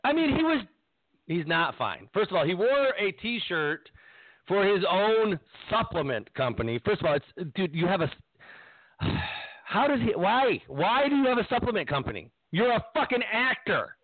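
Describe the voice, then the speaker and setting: A man hosting a casual sports chat, animated and ranting, laughing often. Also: sits high, moderate pace, no echo. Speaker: podcast host. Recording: tinny phone-like line.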